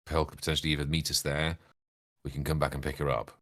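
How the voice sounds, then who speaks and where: A man's voice: a bass voice, little pitch movement, fast talker, fairly bright tone. A man speaking as a player in a tabletop role-playing game, wry and wordy, with old-fashioned turns of phrase. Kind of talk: in-character tabletop game chat.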